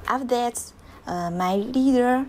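Woman student, halting practice answer, very slow delivery, faint noise behind. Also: fairly high pitch, darkish tone. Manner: hesitant, halting with restarts.

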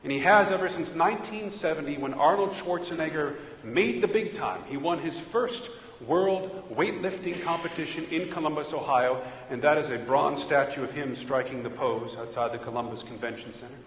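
A man's voice: on the high side, normal speed, fairly bright tone, a little hiss or hum. A male pastor preaching a sermon with rhythmic emphasis and rhetorical questions. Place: church sanctuary. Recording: echoey church from a distance.

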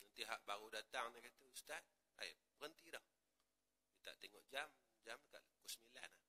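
A man with a Malaysian Malay accent preaching in a prayer hall, switching from quiet asides to loud rising exclamations. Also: medium pitch, fairly quick, slight background noise. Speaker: religious teacher. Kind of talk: mosque sermon.

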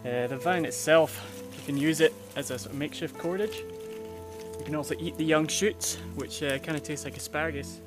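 Young male outdoor vlogger, relaxed and explanatory with dry humor, filmed on an action camera. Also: on the high side, brisk, music in the background, poor audio. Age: young adult. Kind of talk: casual outdoor vlog narration. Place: outdoors in a forest.

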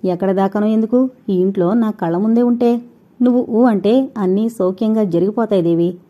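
A woman's voice: mid-range voice, moderate pace, natural voice. A woman voicing a brash, scornful young man who talks in a taunting, insistent way. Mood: coaxing. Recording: dull lo-fi recording.

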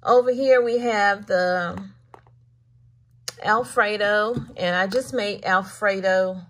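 A woman's voice: mid-range voice, slow pace, a bit bright, slight background noise. A woman chatting casually to her viewers from home, talking to them as y'all, filming with a handheld camera. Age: adult with a daughter. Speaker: vlogger showing a grocery haul. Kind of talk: casual chat.

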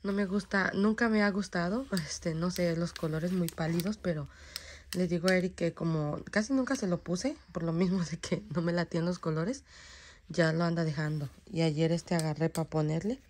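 A woman's voice: lowish voice, normal speed, a little mellow, a little hiss or hum. A young woman, chatting casually to her phone camera at home as a mother and vlogger, teasing and swearing now and then. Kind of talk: casual home vlog chat. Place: home bedroom.

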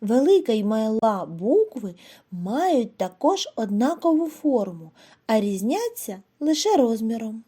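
A Ukrainian woman teacher giving a scripted lesson to young children, in a slow, clear, sing-song way. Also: on the high side, big pitch swings, warm tone. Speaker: primary school teacher.

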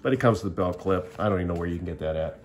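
This middle-aged man talks very fast in a low-sitting voice as he does a casual show-and-tell product review at an indoor table, filming the tabletop. He's plainspoken and rambling, often restarting his sentences.

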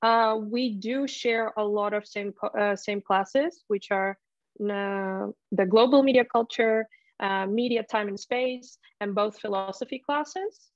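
A woman in her early twenties from Finland, a student presenting her study program on a video call, hesitant with many pauses and restarts. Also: medium pitch, no echo. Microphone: laptop mic on video call. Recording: dull, lo-fi video call audio.

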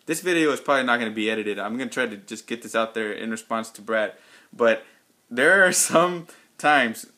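Texan man, fragrance vlogger, bright forward tone, unscripted and rambling with lots of ums. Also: mid-range voice. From Texas. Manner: rambling, many ums and restarts. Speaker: fragrance reviewer. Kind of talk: casual unscripted vlog response.

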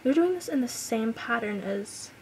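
A woman's voice: a little high, animated, normal speed, vocal fry, slight background noise, low-quality recording. A young woman vlogging an album unboxing at home, gushing and exclaiming, sometimes dropping to a whisper. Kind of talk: excited unboxing chatter.

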